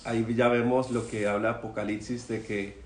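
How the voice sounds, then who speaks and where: A man's voice: on the low side, level tone, moderate pace, a little hiss or hum. Earnest man repeating his words. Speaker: participant in a church Bible study. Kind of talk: group discussion. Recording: roomy recording.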